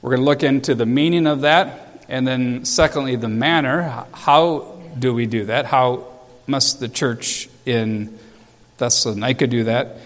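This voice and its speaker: A man's voice: medium pitch, measured pace. Emphatic male pastor in reverberant church. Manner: emphatic preaching, repeats phrases for stress. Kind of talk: sermon.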